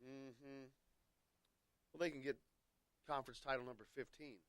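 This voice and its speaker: A man with an American Midwest accent hosting a sports radio show while he has a cold, arguing his points in lively, joking banter. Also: mid-range voice, normal speed, clean tone, no echo. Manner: animated, argumentative, jokey.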